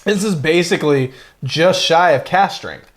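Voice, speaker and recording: A man's voice: on the high side, measured pace. A man co-hosting a casual whiskey review, talking enthusiastically and rambling with many fillers.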